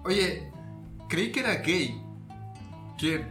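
A man's voice: fairly high pitch, big pitch swings, very slow. A man with a Mexican Spanish accent co-hosting a podcast, telling stories in laid-back casual chat. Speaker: podcast co-host. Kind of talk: casual chat among friends. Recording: echoey room with loud music behind.

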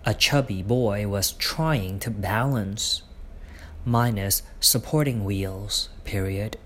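A man dictating his own prose aloud, speaking every punctuation mark in a deliberate, halting way. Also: lowish voice, a little hiss or hum. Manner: slow, deliberate dictation with pauses.

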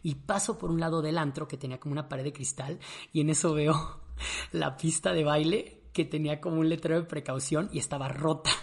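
A young man with a Mexican accent, casually telling an animated, slang-filled story to his audience and acting out his own reactions. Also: on the high side, fairly quick, gravelly.

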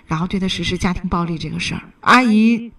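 A woman's voice: on the low side, fast, fairly bright tone, recorded from a distance. A woman hosting a radio call-in show, giving blunt, indignant advice.

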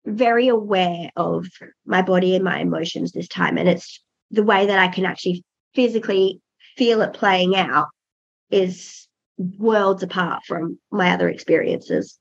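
A woman's voice: fairly low pitch, measured pace, creaky. A pregnant woman in her thirties, a podcast guest talking casually, earnest and reflective with many restarts. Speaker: podcast guest, birth doula. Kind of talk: casual interview chat. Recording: dull lo-fi audio.

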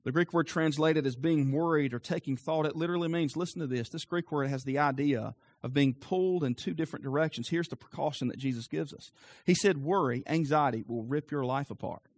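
A young adult man preaching a sermon in a church, moving from calm teaching to loud, fervent preaching. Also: on the high side, a little fast. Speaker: pastor.

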